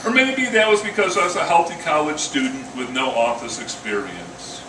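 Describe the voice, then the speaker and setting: An older man with an expressive, fairly high voice reads his poems at a moderate pace during a live coffee house event, introducing them casually and with a dry, wry wit. A camera some distance from his stand mic captured it, leaving the audio roomy and full of venue noise.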